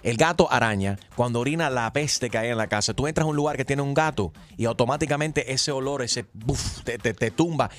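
A man hosting a morning radio show, briskly putting questions to callers and reading out listener votes. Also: mid-range voice. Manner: lively, prompting callers. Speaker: radio host.

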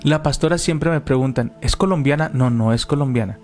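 Man, animated then prayerful. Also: mid-range voice, soft background music. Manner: animated storytelling, slows into fervent prayer. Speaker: co-host and preacher.

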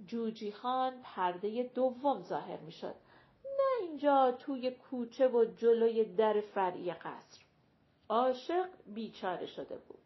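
A woman narrating a short story as an audiobook reader, measured and even. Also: on the high side, lo-fi sound. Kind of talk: scripted narration.

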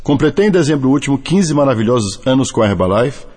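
A middle-aged network marketing distributor from Bahia, Brazil reads a scripted motivational testimony and translation in a deliberate, earnest way, with a Brazilian Portuguese accent. His mid-range voice is expressive, a little mellow and breathy-edged, with long hall reverb.

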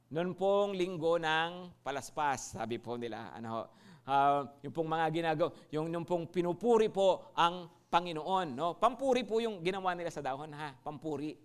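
Filipino pastor, male, high smooth voice, lively sermon delivery with constant questions to the flock. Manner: animated, asks the congregation questions.

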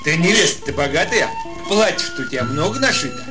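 An actor playing a cocky, naive young peasant lad in a fairy-tale audio drama, blunt and folksy. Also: male voice, on the high side, very animated, a little fast, over music. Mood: blunt, curious.

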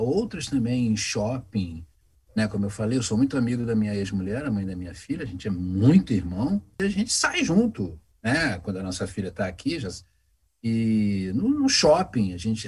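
A man, a voice actor telling anecdotes in a casual interview, animated and acting out the voices of the people in his stories. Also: on the low side, slightly rough. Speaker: voice actor guest.

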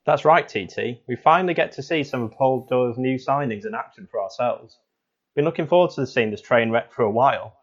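A man as co-commentator on a spoof football show, with a deadpan, cynical pundit delivery. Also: mid-range voice, a little fast, lo-fi sound.

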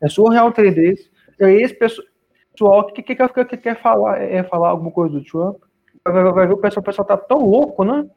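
A man's voice: high voice, a little fast, vocal fry. A man co-hosting a podcast in casual political chat, rambling with many restarts and repeated words. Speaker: podcast co-host. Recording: dull lo-fi sound.

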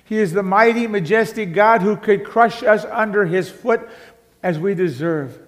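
A man with a fairly high voice delivers a slow, deliberate sermon in a church. His preaching rises to loud, emphatic peaks and then falls to quiet, hushed endings. A long reverb trails every phrase. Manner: slow, measured preaching that swells loud then drops soft. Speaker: pastor.

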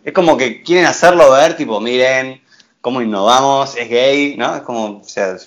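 A man's voice: medium pitch, moderate pace, lo-fi sound. A young man with a Rioplatense accent chatting casually and mockingly about a film. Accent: Rioplatense Spanish. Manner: animated, mocking, slangy. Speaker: co-host reviewing a film. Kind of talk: casual film review chat.

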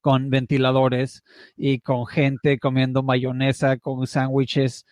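A man's voice: medium pitch, monotone, takes it slowly, a little mellow, dry recording, studio quality. A man in a casual chat, giving short, teasing replies. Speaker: podcast co-host.

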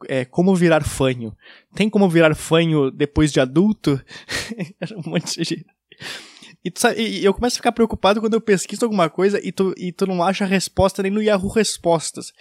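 A man with a high voice tells a comic story in a casual, rambling way. He restarts often and drops in slang. The recording is dry and close, with no room sound. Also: no echo. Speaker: video creator telling a story. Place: at home.

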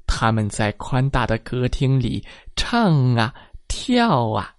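A woman telling a bedtime story to children in a gentle, sing-song manner. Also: extremely low pitch, big pitch swings, takes it slowly, dry recording, studio quality.

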